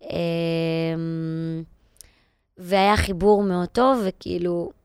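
A woman's voice: fairly low pitch, level tone, darkish tone, clear, resonant tone, dry recording, clean studio sound. A middle-aged woman, a guest on a podcast, talking casually with lots of fillers and restarts. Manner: slangy, many fillers and restarts.

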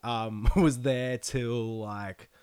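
A man with a Queensland Australian accent chatting casually and swearing freely as a podcast guest, with an animated, griping comic manner. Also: medium pitch, very slow, smooth. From Queensland and Byron Bay, Australia. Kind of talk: casual opinionated chat, comic ranting.

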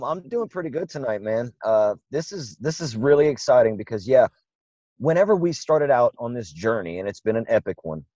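A man's voice: fairly low pitch, a little mellow, dry recording, lo-fi sound. A man co-hosting a podcast in casual, enthusiastic chat. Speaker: podcast co-host.

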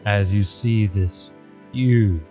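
Low-voiced man running a tabletop game. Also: takes it slowly, warm tone, soft background music. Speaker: game master. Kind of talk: narrating a tabletop game, casual.

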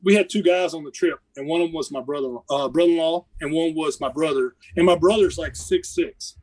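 On a rough recording, this American podcast guest talks briskly with a fairly high, darkish voice and an Appalachian accent. His casual storytelling about a mission trip wanders and doubles back as he corrects himself.

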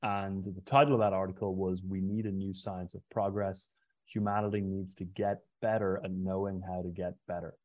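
Deep-voiced Irish man hosting a podcast. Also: flat delivery, normal speed, a little mellow, no echo. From Ireland. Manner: earnest, reads prepared questions, repeats words. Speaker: podcast host. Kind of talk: interview.

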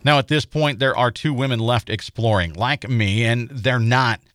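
An American man narrating a scripted paranormal feature as host, in a measured, suspenseful storytelling manner. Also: medium pitch, fairly bright tone, dry recording, clean studio sound.

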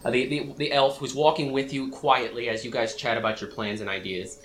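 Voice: mid-range voice, little pitch movement, a little fast, reverberant, crowd noise. A game master narrating a tabletop game in a loose, chatty way with many fillers.

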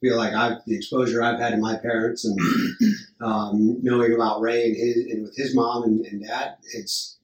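A man in casual podcast chat, speaking haltingly and searching for his words. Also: mid-range voice, flat delivery, far from the mic. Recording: roomy sound from off mic.

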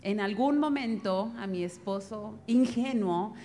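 A woman's voice: medium pitch, a little slow. A woman with a northern Mexican accent giving a live talk on marriage, telling stories with a laugh. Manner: lively, laughing storytelling. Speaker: speaker on marriage, wife. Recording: reverberant hall, faint background noise.

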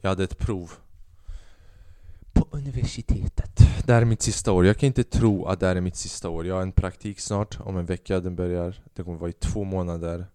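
Rambling low-voiced podcast host. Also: male voice, steady tone, warm tone, smooth, no room sound, clean studio sound. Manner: rambling, restless, swearing often, mixing in English. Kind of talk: casual solo monologue.

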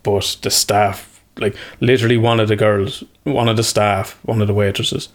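A man's voice: lowish voice, flat delivery, moderate pace. An Irish man co-hosting a podcast, chatting casually in a colloquial, sweary way. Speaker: podcast co-host. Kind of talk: casual chat.

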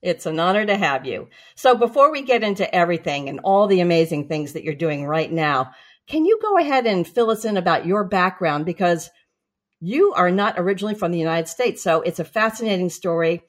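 A woman's voice: on the low side, sing-song, fairly quick. A woman hosting a podcast interview, introducing and questioning her guest in an enthusiastic, welcoming way. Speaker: podcast host.

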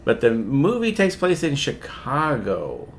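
A man's voice: medium pitch, wildly swooping pitch, slow, slight background noise. A man co-hosting a casual podcast, retelling a movie plot in a loose, profane way. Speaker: podcast co-host.

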